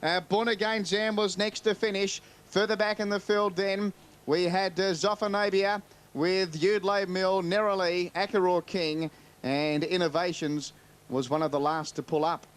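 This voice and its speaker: A man's voice: sits high, steady tone, normal speed. A man with an Australian accent giving live horse racing commentary.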